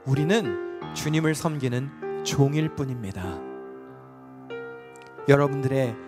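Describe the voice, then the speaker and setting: A man's voice: mid-range voice, expressive, unhurried. A man preaching a sermon in a large church, dramatic and acting out the voices he quotes. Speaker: pastor. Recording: echoey hall with faint music.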